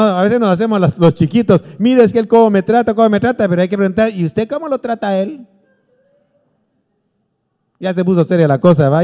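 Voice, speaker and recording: A man, a pastor, preaching a sermon, animated, acting out quotes from the people in his stories. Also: high-pitched. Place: church hall. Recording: long church reverb.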